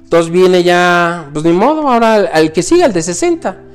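High-voiced emphatic Mexican man in his fifties. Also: moderate pace, smooth, soft background music. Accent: Mexican Spanish. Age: 50s. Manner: emphatic, animated, acts out quoted dialogue. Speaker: interview guest. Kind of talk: candid personal storytelling.

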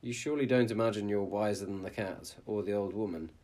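A man's voice: lowish voice, quick pace, darkish tone, lightly acted. A man reading a story aloud and voicing a bossy, self-important hen who scolds and lectures. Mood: scolding. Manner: scolding, preachy.

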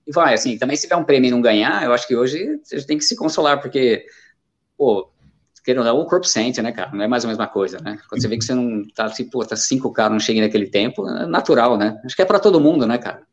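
Man in his fifties, quick rambling talk, many fillers, dull lo-fi sound. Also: medium pitch, expressive. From Brazil. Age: 50s. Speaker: amateur runner guest. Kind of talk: casual interview chat.

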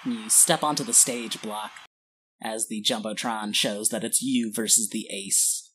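A man acting as game master, improvising scene narration for a tabletop game in a halting, drawn-out way. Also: fairly low pitch, fairly even intonation, a bit bright, slight background noise. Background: guitar music.

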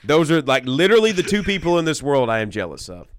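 A man's voice: on the high side, sing-song, quick pace, clean tone, no echo, clean studio sound. An American man hosting a sports radio show, talking casually and emphatically, repeating points for stress. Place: radio studio.

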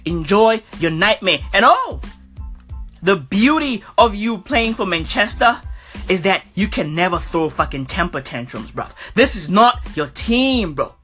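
A man hosting a sports podcast in an animated, taunting fan rant, full of slang and repeated phrases for emphasis. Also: high voice, measured pace, husky, soft background music. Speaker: podcast host.

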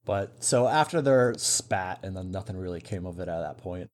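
A man in casual conversation, calmly recapping what happened. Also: low-pitched, moderate pace. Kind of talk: casual chat.

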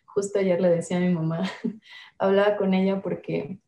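A young Mexican woman talking casually about emotions, animated and acting out the voices she quotes. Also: medium pitch, normal speed, echoey room, a little hiss or hum. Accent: Mexican Spanish.

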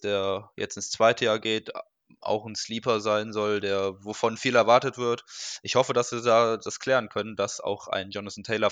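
A man's voice: on the low side, a bit bright, dry recording. A man co-hosting a casual sports podcast, offering thoughtful opinions with plenty of hedging. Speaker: podcast co-host. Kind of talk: casual chat.

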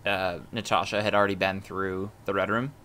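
A man co-hosting a casual movie review chat, relaxed and hesitant, with many fillers. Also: deep voice, fairly quick, clean tone. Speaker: podcast co-host.

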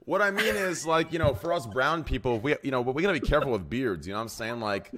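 A man's voice: medium pitch, animated, fast talker, fairly bright tone. A man hosting a casual podcast chat, talking loosely with lots of fillers. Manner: loose, filler-heavy, sing-song.

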